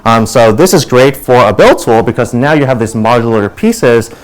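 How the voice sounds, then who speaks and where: Man giving a rushed, informal lightning talk. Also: animated, poor audio. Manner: rushed, keeping it high level; colloquial, checks in with "right?". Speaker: tech lead presenting at a meetup.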